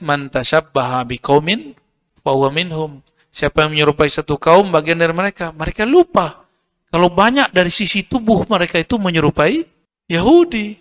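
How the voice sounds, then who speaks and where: A man's voice: high-pitched, fairly bright tone. A man giving an informal religious lecture, joking, chatting with the audience and quoting Arabic verses. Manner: joking, conversational, quotes Arabic and addresses audience as Pak. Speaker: Islamic preacher.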